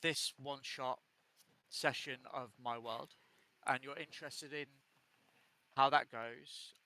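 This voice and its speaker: Slow, bright-voiced man narrating as game master. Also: mid-range voice, fairly even intonation. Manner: slow, deliberate narration with restarts and self-corrections. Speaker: dungeon master. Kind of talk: narrating a tabletop game on a live stream.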